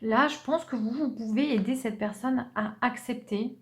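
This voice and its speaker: A woman giving an unscripted tarot reading, speaking gently and hesitantly, with many restarts. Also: fairly high pitch, normal speed. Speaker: tarot reader.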